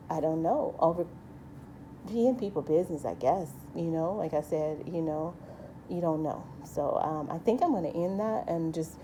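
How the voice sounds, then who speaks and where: A vlogger delivers a rambling, earnest personal monologue, full of restarts, asides, and "you know." Her voice is described as both light and low-pitched and mellow. The recording is low quality with slight background noise.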